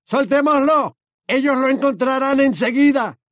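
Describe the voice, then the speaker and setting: A man voicing a brutal male Death Eater henchman who shouts in a high, strained voice. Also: measured pace, no echo, clean studio sound. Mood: scheming.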